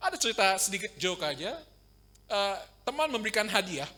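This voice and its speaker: A middle-aged man preaching a sermon as pastor, telling stories and dropping from loud passages to hushed, quiet ones. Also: sits high, very animated, fairly quick. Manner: storytelling, swings from loud to very quiet. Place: church prayer meeting hall. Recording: long hall reverb.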